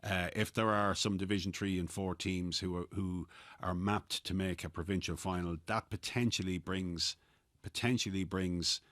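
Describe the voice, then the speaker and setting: An Irish man with a fairly low voice talks through sport as a pundit. He is measured and analytical, and the sound is dry with hardly any room on it. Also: steady tone, a bit bright, no echo. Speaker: Gaelic football pundit. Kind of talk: sports discussion.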